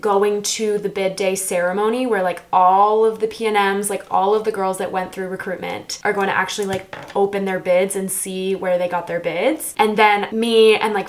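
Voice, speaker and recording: A bubbly, girlish American woman in her early twenties chatting casually in a get-ready vlog, peppering her talk with "like". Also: mid-range voice. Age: early 20s. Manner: bubbly, girlish sorority-girl chattiness with frequent "like". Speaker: college student vlogger. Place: small bedroom, indoors. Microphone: camera-mounted shotgun mic, close by.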